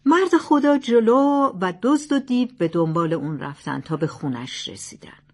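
A woman narrating traditional tales that explain proverbs, in a clear, measured reading. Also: on the high side.

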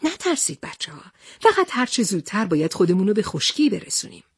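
Brief: a calm, reassuring captain, read by a woman, lively lilt, slightly husky. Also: medium pitch, dry recording, clean studio sound. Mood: steady. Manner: steady, reassuring. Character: brave adult male sea captain, calm leader.

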